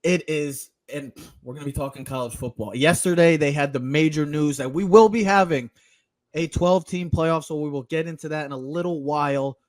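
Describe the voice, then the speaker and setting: Casting: upbeat male sports podcast host, slightly higher voice, teasing and energetic. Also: normal speed, no echo, studio quality. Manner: energetic, teasing, plugs the show. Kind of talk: casual chat and sports talk.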